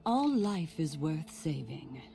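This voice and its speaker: Low-voiced, regal dragon queen. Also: very animated, gravelly, dark tone, heavily acted. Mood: solemn resolve. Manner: measured, formal, solemn. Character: grave, regal female dragon leader, wise and wary. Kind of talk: fantasy game voice acting. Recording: music behind game dialogue.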